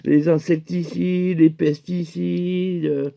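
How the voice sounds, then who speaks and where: A man's voice: high-pitched, flat delivery, takes it slowly, creaky, mellow. A young man telling a rambling comic story, with laughing asides and acted-out quotes.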